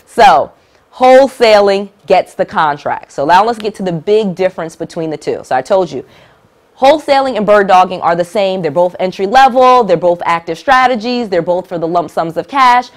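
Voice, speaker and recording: A woman's voice: medium pitch, lively intonation, moderate pace. A middle-aged woman teaching real estate investing to camera, emphatic and direct, repeating key points and checking in with "all right?".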